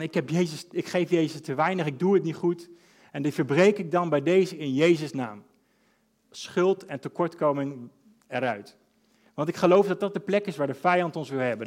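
Earnest preacher, fairly high voice. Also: male voice. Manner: earnest, shifts between hushed intimacy and emphatic urging. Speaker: pastor. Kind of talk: sermon.

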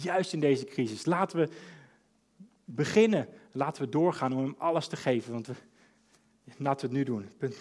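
Earnest preacher, fairly high voice. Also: male voice. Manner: earnest, shifts between hushed intimacy and emphatic urging. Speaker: pastor. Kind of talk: sermon.

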